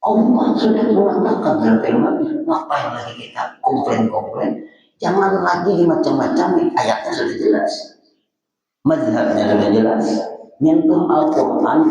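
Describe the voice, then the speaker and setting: A man's voice: mid-range voice, a little mellow. Banjarese man preaching in an echoey hall. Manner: fires rhetorical questions at the audience. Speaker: religious teacher. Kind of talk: dawn religious study talk. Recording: echoey hall, distant mic.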